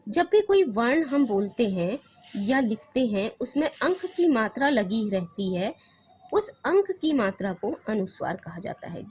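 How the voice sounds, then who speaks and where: A young woman teacher gives a recorded lesson for children. Her voice sits a little high, and she speaks patiently, repeating each point and asking the class questions as she goes. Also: sing-song, measured pace, a little mellow, husky. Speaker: school teacher.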